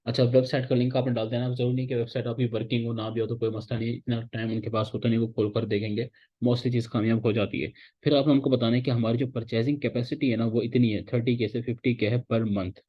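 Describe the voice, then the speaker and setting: A man lectures students in a relaxed, conversational way. He repeats points and keeps checking that they follow. His voice sits at an ordinary middle pitch, and the recording sounds a little dull and lo-fi. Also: fast. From Pakistan. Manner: casual, repetitive teaching, often checks in with "theek hai". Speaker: instructor. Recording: slightly dull, lo-fi audio.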